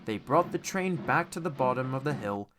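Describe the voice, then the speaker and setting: A man narrating a scripted children's story as an audiobook, expressive and deliberate in his storytelling. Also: mid-range voice, a little hiss or hum.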